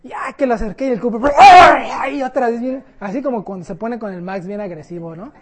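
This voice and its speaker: A woman preaching a sermon in a conversational, animated storytelling way. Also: medium pitch, quick pace, heavy background noise.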